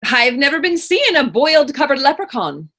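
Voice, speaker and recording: Here a woman uses a high, bright, pushed, exaggerated voice with big pitch swings at normal speed. Her readers theater role is a plainspoken woman, teasing yet compassionate, posing frank questions in a folksy archaic Irish dialect.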